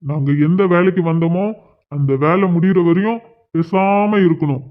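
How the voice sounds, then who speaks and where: A man's voice: high-pitched, normal speed, natural voice. A man voicing a masked robber in a cartoon who gives cold orders to his hostages. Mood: menacing. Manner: threatening, commanding. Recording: tinny phone-like sound.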